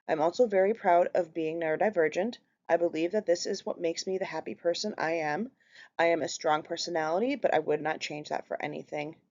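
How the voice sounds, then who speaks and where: Fairly quick and steady, a thirty-something student presenter with a Minnesotan accent and a fairly low voice works through her prepared class presentation. Her delivery is earnest, even, and scripted, heard on a slightly muffled, lo-fi recording.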